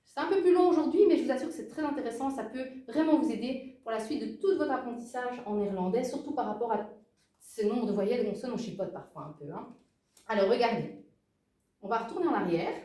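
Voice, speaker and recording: A woman's voice: on the high side, fairly quick, dark tone, roomy sound, far from the mic. A woman giving an explanatory language lesson, emphatic and checking in often with her listeners. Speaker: language teacher.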